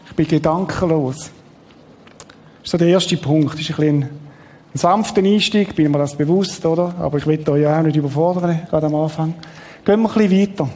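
A man's voice: high-pitched, a little mellow. A middle-aged man, giving a conversational sermon as a pastor and asking the congregation questions. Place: church hall. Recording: long hall reverb.

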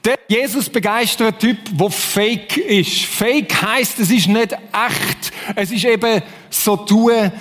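A man's voice: sits high, takes it slowly, few pauses, fairly bright tone, in a large hall. A man with a Swiss German accent preaching a sermon, who acts out fake enthusiasm in playful voices. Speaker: pastor.

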